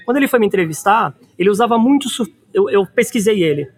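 A man with a Brazilian Portuguese accent hosting a conversational interview, telling stories with energy and slowing down to stress his points. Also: high voice, faint music behind. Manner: animated storyteller, slows down to stress points. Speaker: podcast host.

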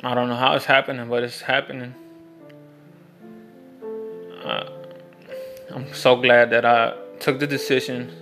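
A young man rambles through a personal story in a loose, unscripted way. His voice is bright and forward, and his pitch stays level and flat. Faint guitar music plays underneath. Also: normal speed. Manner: rambling, many restarts and fillers, frank. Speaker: vlogger. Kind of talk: casual storytelling monologue.

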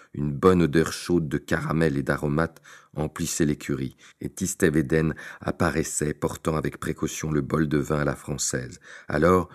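A man with a very deep, low voice reading a classic story aloud. His narration is theatrical, leaning on words and shifting emphasis from phrase to phrase. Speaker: audiobook narrator.

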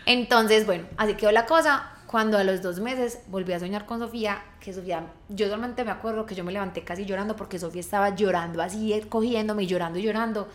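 A young woman with a Colombian accent, mid-pitched, tells a personal story in relaxed podcast chat. She is expressive and quotes her friends in shifting voices. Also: fast, hardly any pauses, a little hiss or hum. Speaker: podcast co-host.

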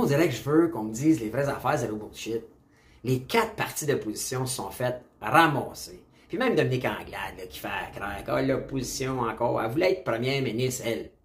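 A man with a Quebec French accent delivers a casual opinion monologue straight to camera. He is blunt and emphatic, drops English slang into his French, and keeps coming back to the same punchy catchphrases. His voice sits at an ordinary pitch and carries a noticeable room echo. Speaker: political commentator. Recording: roomy echo.

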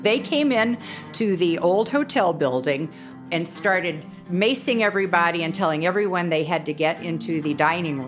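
An older woman with a low voice recalls a past event plainly and matter-of-factly. A clearly audible music bed runs under her words. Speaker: interviewee. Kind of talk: recounted personal story.

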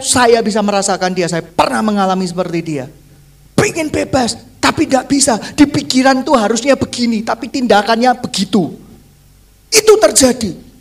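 Male pastor, speech, very high gravelly voice, fervent sermon delivery. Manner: impassioned, swinging between hushed and loud delivery.

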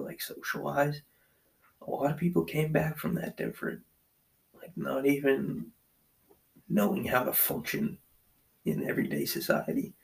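A man's voice: on the high side, gravelly. A man hosting his own podcast, talking in a loose, profane, rambling monologue while pacing in a basement. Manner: profane, loose and chatty, lots of fillers. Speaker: podcast host. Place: basement, pacing back and forth. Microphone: extension-wired mic, uneven level.

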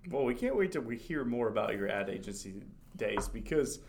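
A man's voice: fairly low pitch, sing-song, a little fast, a little mellow, a little hiss or hum. A man co-hosting a podcast, bantering and teasing his partner in casual chat. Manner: teasing, wraps up the show. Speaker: podcast co-host.

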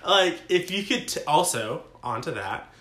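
A man's voice: on the high side, big pitch swings, a little slow, fairly bright tone. A man in his twenties chatting casually as a podcast co-host. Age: 20s. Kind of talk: casual chat. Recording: roomy, echoing sound.

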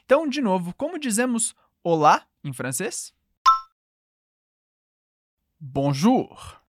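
A woman with a Brazilian Portuguese accent runs a call-and-response language lesson, patiently modelling phrases for the listener to repeat. Her voice is on the high side with big pitch swings, at a moderate pace, recorded in clean, echo-free studio sound.

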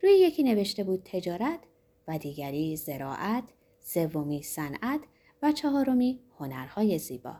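Woman narrating a novel expressively. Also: on the low side. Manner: expressive, varied storytelling.

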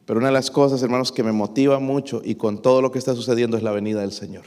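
A man's voice: fairly even intonation, racing, a little mellow, long reverb tail. A middle-aged man preaching a sermon to his congregation, reading scripture verses aloud and calling them brothers, with frequent rhetorical questions. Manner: reads scripture aloud, rising in pitch and force on verses. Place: church.

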